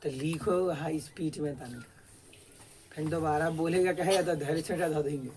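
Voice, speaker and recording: A woman teacher dictating a lesson to a class slowly, repeating each phrase and adding stern asides. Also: low-pitched, darkish tone, a little hiss or hum. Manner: slow repetitive dictation, scolding asides.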